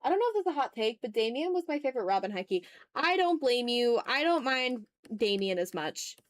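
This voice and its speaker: Very animated and brisk, a woman with a slightly high voice chats on a livestream as she draws. She keeps muttering asides to herself while working.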